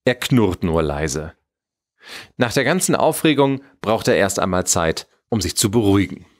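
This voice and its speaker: A man narrating a German children's Christmas story in an expressive storybook manner. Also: low voice, normal speed.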